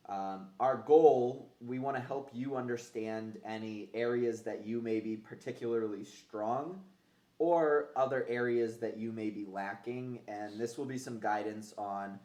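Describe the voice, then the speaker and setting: A man's voice: on the low side, steady tone, a little slow, a little mellow. A man hosting a casual fitness podcast, talking conversationally with gym-bro slang and casual swearing. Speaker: podcast host. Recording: roomy, echoey sound.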